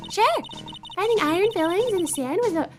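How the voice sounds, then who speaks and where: A woman's voice: extremely high pitch, lively intonation, a little fast, voice pushed up. A woman voicing a perky, childlike young female sidekick in video game dialogue, playful and chatty. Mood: eager, chatty. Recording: music playing behind the voice.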